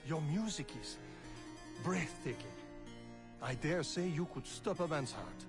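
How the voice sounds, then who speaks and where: A man's voice: fairly high pitch, lively intonation, measured pace. A man playing a dignified, protective father in a video game, speaking in a formal, old-fashioned way. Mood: courteous. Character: dignified middle-aged father, protective and courteous. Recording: game audio with soft music.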